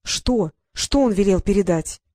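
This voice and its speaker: A woman voicing a stubborn, sharp-tongued teenage girl who answers back with a raised voice. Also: mid-range voice, unhurried, no room sound, clean studio sound, lightly acted. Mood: defiant.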